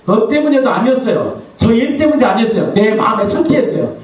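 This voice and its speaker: Male pastor, high lively voice, preaching in an echoey church from a distance off the mic. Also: fast. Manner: asks the congregation questions and answers them; swings between soft low asides and raised exclamations. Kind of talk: sermon. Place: church sanctuary.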